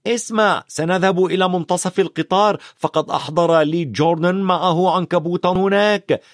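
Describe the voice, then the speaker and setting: A man voicing mischievous teenage twin boys in a storybook reading, playful and loud. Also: sits high, fairly even intonation, moderate pace, dry recording, clean studio sound, voice pushed up, close to an everyday voice. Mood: cheerful.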